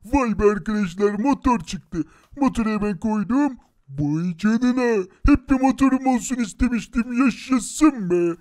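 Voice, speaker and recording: A man voicing Nop, an excitable boy racer in a Minecraft animation, who keeps laughing and crying out in surprise. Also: extremely high pitch, measured pace. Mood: excited. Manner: excitable, gasps and laughs often.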